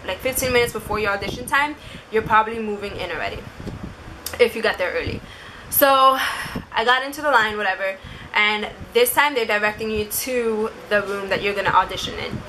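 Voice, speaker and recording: A young woman vlogger tells a story and gives advice in a casual, chatty, informal style, saying "like" constantly. Her mid-range voice has a sharp tone, and the rough recording carries slight background noise.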